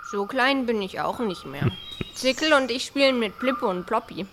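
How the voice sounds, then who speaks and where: A woman's voice: a little high, expressive, normal speed, natural voice. A woman voicing a cheerful little village boy who talks in a playful, eager way. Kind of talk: audio drama acting. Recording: noisy background.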